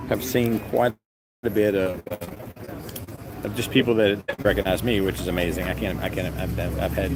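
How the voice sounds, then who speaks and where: Standing in a long festival line outdoors by traffic, a low-voiced man streams live, chatting in a loose, rambling way full of fillers, restarts and jokes at his own expense. The audio is very noisy, with crowd chatter behind him.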